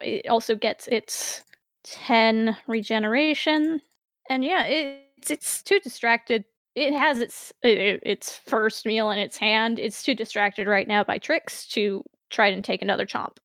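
A woman with a fairly high voice narrates a tabletop fantasy game. She works as game master, setting scenes in a measured, dramatic way. The sound is dry, with little room in it. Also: a bit bright, dry recording.

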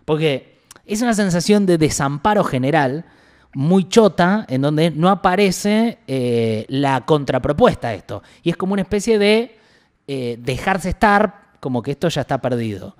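An Argentine man with a slightly high voice talks politics in a loose, casual chat. He sounds blunt and exasperated and swears without holding back. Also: lively intonation, normal speed. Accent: Argentine Rioplatense Spanish. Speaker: political podcast co-host.

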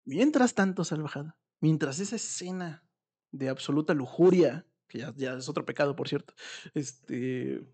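Creaky Mexican man retelling a story. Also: fairly high pitch, animated, moderate pace. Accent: Mexican Spanish. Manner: slangy storyteller, acts out characters' shouts. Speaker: podcast co-host. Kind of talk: casual chat retelling a novel.

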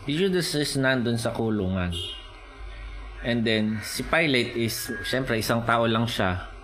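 A man preaching a sermon in mixed Filipino and English, explaining slowly and often checking in with his listeners. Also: medium pitch, noisy background. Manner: Taglish preaching, slow and explanatory, rising with emphasis.

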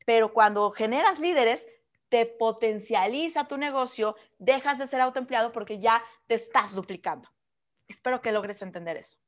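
A woman giving a lively, emphatic motivational mentoring talk, often asking her listeners rhetorical questions. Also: fairly high pitch, moderate pace. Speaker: business mentor.

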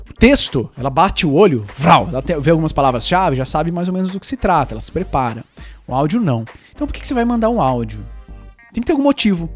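Male host, a touch high-pitched, emphatic casual advice with rhetorical questions. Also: a little mellow. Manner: emphatic, with rhetorical questions and playful sound effects.

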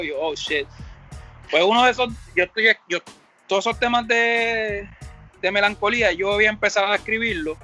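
A man's voice: high-pitched, bright, forceful tone. A middle-aged man with a Puerto Rican Spanish accent, a rapper telling his story in a casual interview, rambling and reflective, acting out the dialogue he quotes. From Puerto Rico.

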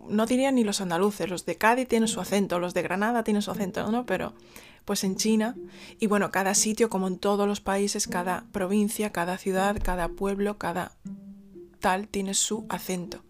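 A woman's voice: medium pitch, steady tone, moderate pace, faint music behind. A woman from Spain, telling a personal story in a casual, rambling way with many fillers and restarts.

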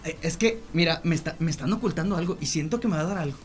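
A young man with a Mexican accent, telling a story in a relaxed, slangy way and laughing often. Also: on the high side, rapid-fire, faint music behind. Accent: Mexican Spanish. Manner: laid-back, slangy, often laughing, acts out quoted voices. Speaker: podcast co-host. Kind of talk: casual storytelling chat.

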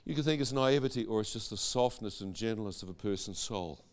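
A man's voice: fairly low pitch, quick pace. A man preaching a sermon testimony, telling his story and quizzing the audience with questions.

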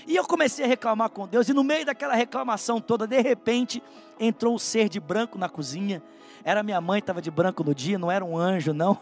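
A Brazilian man preaches with a strikingly high, gravelly voice, telling his own testimony in a heartfelt sermon. He talks earnestly and speaks straight to the listener. Soft music plays faintly behind him. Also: brisk. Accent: Brazilian Portuguese. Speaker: pastor.

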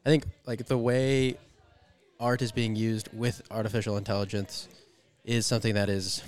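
A man's voice: fairly low pitch, little pitch movement, normal speed, clean tone. A man hosting a podcast, talking casually and rambling with many fillers and restarts. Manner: rambling, heavy use of "like" and fillers. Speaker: podcast host. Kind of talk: casual conversation.

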